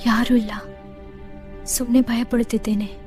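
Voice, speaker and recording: A woman's voice: on the high side, flat delivery, measured pace, close to an everyday voice. A synthetic woman's voice playing a mother and older sister in an AI-generated horror drama, often calling out anxiously. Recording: faint music behind.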